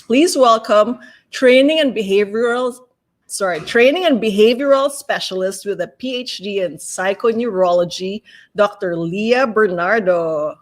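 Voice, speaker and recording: An upbeat woman host with a mid-pitched voice. She opens the show with a scripted intro and then leads the interview. While her guest talks, she keeps cutting in with short affirming replies. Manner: upbeat, frequent affirming "right".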